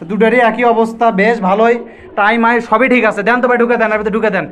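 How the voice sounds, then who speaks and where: A man's voice: high-pitched, flat delivery, a bit bright. A man from Bangladesh with a Bogura regional accent, a vlogger questioning a seller in a casual chat. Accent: Bogura regional Bengali. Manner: rapid-fire, repetitive questioning. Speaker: vlogger at a pigeon market. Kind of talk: casual vlog interview with a seller.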